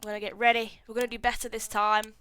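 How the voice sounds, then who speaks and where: A woman gaming YouTuber giving excitable let's play commentary, flustered and full of panicky exclamations. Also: fairly high pitch, quick pace, a little hiss or hum.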